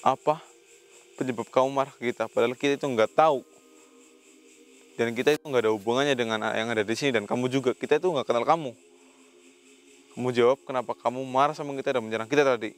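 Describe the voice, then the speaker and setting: A man running a ghost-hunting vlog takes a commanding stance toward an invisible spirit, questioning it harshly and reciting Islamic prayers in between. He talks fast at a mid-range pitch with fairly even intonation and long pauses.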